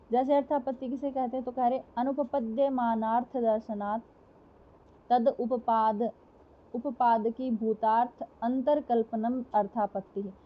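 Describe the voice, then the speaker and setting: A woman teacher giving an explanatory lecture, asking questions and answering them herself, repeating examples slowly. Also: high-pitched. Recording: dull lo-fi recording.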